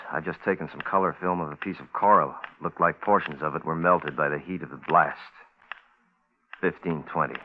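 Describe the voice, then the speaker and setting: A man with a deep, natural voice stars as both lead and narrator, voicing a terse Navy photographer left alone on a bomb-test island. His first-person log entries for this radio suspense drama come out clipped, grave, and measured, heard through a muffled, noisy vintage radio recording.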